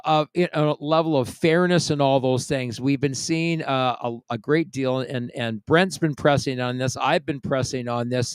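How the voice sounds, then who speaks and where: A man's voice: medium pitch, clear, resonant tone, no room sound. A man hosting a casual podcast chat, reading out listener comments and chuckling often, close to the mic. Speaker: podcast host.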